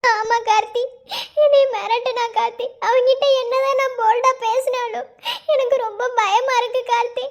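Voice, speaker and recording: A woman's voice: very high-pitched, steady tone, moderate pace, dull audio. A woman voicing a frightened young female college student who pleads and confides her fears. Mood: fearful. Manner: pleading, fearful and tearful.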